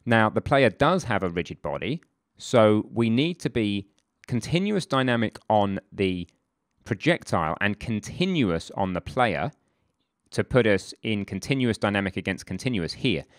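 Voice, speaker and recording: A man walks through a software tutorial in a relaxed, conversational way, breaking off for asides and correcting himself as he goes. His voice sits fairly low. The recording is dry and close, with no room sound. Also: normal speed, dry recording. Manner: informal, chatty, self-correcting asides. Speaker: game development instructor.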